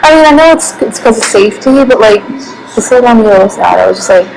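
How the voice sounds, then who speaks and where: A woman's voice: fairly high pitch, lively intonation, fast talker, creaky, darkish tone, poor audio. A young woman answering interview questions casually, rambling with many fillers and restarts. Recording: background music.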